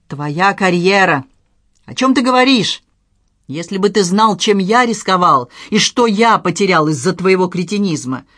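An audiobook narrator voicing an angry, frightened grown son who shouts bitterly and pleads, in a dry recording. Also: medium pitch, expressive, normal speed, dry recording. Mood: furious. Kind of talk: dramatized audiobook reading.

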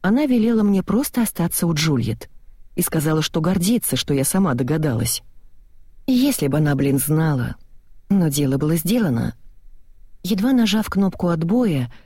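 A narrator reading a first-person story aloud, lively and expressive. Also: medium pitch, moderate pace, slightly rough, no room sound, studio quality. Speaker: audiobook narrator.

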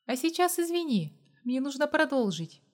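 A woman voicing a kind, tired woman doctor who speaks softly and quietly in a spoken story. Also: high voice, very animated, moderate pace, pitched above the performer's own voice.

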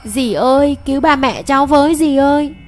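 A woman's voice: normal speed, faint music behind, lightly acted. A woman voicing a terrified little girl who wails and sobs for her parents. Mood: wailing. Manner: wailing, shrill sobbing cries.

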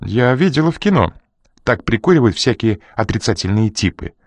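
A male narrator voicing a frightened, defiant young woman who breaks into shrill, tearful cries. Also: sing-song, moderate pace, dry recording, clean studio sound. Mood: hurried.

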